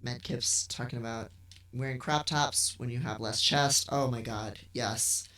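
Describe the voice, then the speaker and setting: A man's voice: medium pitch, steady tone, measured pace, sharp tone. A man co-hosting a live gaming stream, making dry jokes and reading viewers' messages aloud. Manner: dry, joking, reads chat aloud. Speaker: stream co-host. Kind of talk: casual gaming stream chat.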